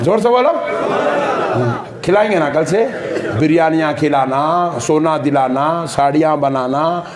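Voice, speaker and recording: Animated high-voiced male preacher. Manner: animated, playful, mimics family members for the crowd. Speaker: Islamic preacher. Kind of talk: sermon.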